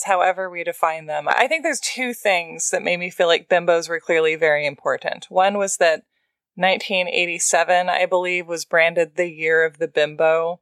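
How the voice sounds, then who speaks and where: Female podcast guest, creaky vocal fry, wry casual talker, dry close recording. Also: lowish voice, fairly bright tone, no room sound. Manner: wry, filler-heavy with frequent "like". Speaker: podcast guest, writer and media critic. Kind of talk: casual, humorous conversation.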